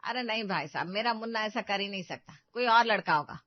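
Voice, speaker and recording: A woman's voice: medium pitch, fast, no echo, close to an everyday voice. A woman voicing a domineering old grandmother in a cartoon who spoils her grandson and scolds her daughter-in-law. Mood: dismissive. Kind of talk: cartoon voice acting. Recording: dull dry recording.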